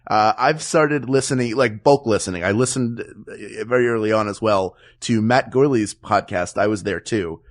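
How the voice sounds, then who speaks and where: A man's voice: fairly low pitch, normal speed, hardly any pauses. A man co-hosting a comedy podcast, talking casually with a joking, rambling manner and plenty of fillers. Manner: rambling, jokey, many fillers. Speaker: podcast co-host. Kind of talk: casual chat.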